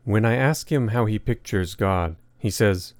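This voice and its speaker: A man reads nonfiction aloud in a measured, reflective manner. His voice sits very low and is recorded dry and close, with no room around it. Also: dry recording. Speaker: narrator. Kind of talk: audiobook narration of nonfiction.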